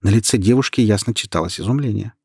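Husky male audiobook narrator. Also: fairly low pitch, fast, darkish tone, no echo, clean studio sound.

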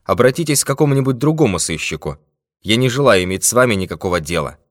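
A man's voice: medium pitch, lively intonation, fast talker, no echo, clean studio sound, voice pushed up, natural voice. A man voicing a great detective who is stern but patient with a client. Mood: firm. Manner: firm, exasperated.

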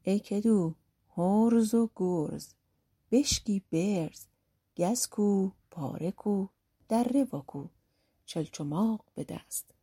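A woman's voice: mid-range voice, expressive, mellow, slightly rough. A woman narrator voicing a bold, poor bald young man who talks bluntly and defiantly in a folk tale audiobook. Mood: commanding.

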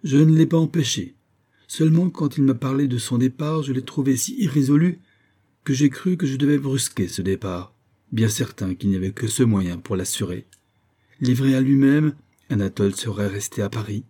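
A man's voice: medium pitch, normal speed, mellow, voice pushed up, natural voice. A man reading the part of a firm, self-assured young colonel in an audiobook, speaking earnestly and persuasively.

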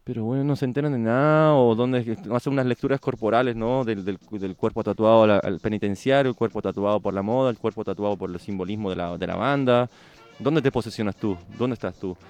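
A man being interviewed on the radio as a touring cyclist, telling stories in a reflective, halting way with sudden shouted reenactments. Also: on the low side, smooth. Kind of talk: radio interview, casual storytelling.

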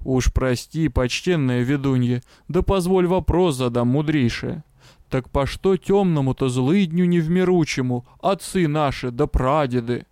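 Brief: cunning mage lord, voiced by a man, soft and innocent-sounding, smooth resonant voice, dry close recording. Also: on the high side, measured pace, no room sound, lightly acted. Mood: sly. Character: sly noble mage lord posing as a commoner. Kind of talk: audiobook character voice.

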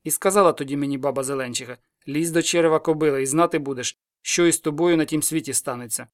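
An old village witch in a storybook, muttering her eerie spells and memories in one unbroken, breathless stream, as a man reading the tale puts her on. The voice sits a touch higher than usual and runs quickly, with a loud, dry, close sound. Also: dry recording, close to an everyday voice. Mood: ominous. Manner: breathless muttering incantatory ramble.

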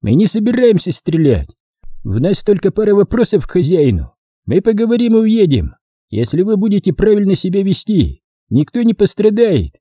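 A tough commander barks blunt orders over a crowd, as a male audiobook reader puts him on. His voice is raised and husky, with a dry, close sound. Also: sits high, big pitch swings, normal speed, dark tone, no echo, voice pushed up. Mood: firm.

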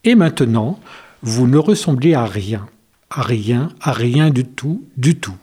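A man's voice: mid-range voice, animated, takes it slowly, mellow, husky. A man voicing a male dentist who teases his patient in a storybook reading. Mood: mocking. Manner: teasing, mock-solemn. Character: male village dentist, wry and teasing.

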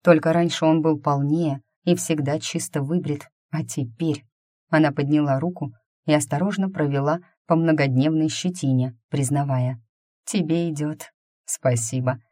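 Woman audiobook reader, low mellow voice, dry close mic. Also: dry recording. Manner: even, measured storytelling. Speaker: audiobook narrator. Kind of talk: scripted narration.

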